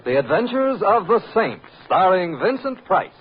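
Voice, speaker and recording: A man's voice: high-pitched, big pitch swings, normal speed. A man reading scripted announcements in the manner of a mid-century American network radio announcer, on a muffled vintage broadcast. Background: loud music.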